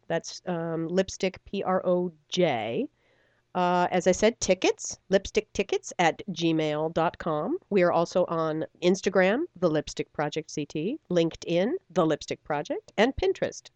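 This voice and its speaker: Speaking in a fairly low pitch on a dry recording, a middle-aged woman chats animatedly during a casual radio interview. She's a stage actor and theater company member who laughs often and uses many fillers.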